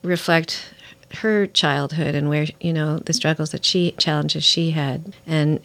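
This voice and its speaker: A middle-aged woman author in an interview, talking about her novel and reading a passage from it aloud at a measured pace. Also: low voice, steady tone, creaky, a bit bright.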